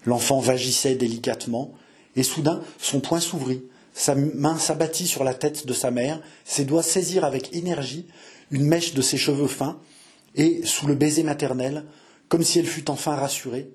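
A man narrating a classic novel as an audiobook, measured and expressive, lingering on phrases. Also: medium pitch.

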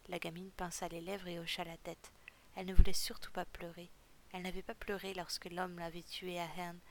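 A woman narrating an audiobook story in a steady, even storytelling manner. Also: on the low side, fairly quick, a little hiss or hum.

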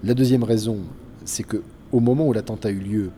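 A man narrates history in an informal, explanatory way. He talks very fast in a lowish, mellow voice, with some noise in the background. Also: fairly even intonation. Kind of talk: informal spoken history account.

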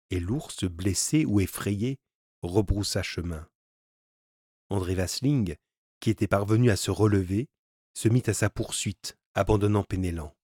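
A man reading a classic adventure novel aloud as an audiobook narrator, in a measured, dramatic way. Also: lowish voice, a little mellow, dry recording, studio quality.

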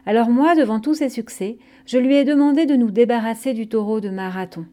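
A woman's voice: fairly high pitch, a little fast, dark tone, close to an everyday voice. A woman reading aloud as an aging king who answers in a stammering, defensive way. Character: aging male king, evasive and troubled.

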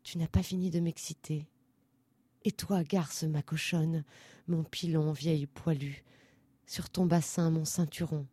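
A woman's voice: unhurried, long pauses, no echo. A woman murmuring as a lusty male dancer. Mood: hushed lustful. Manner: hushed, low and breathy murmur.

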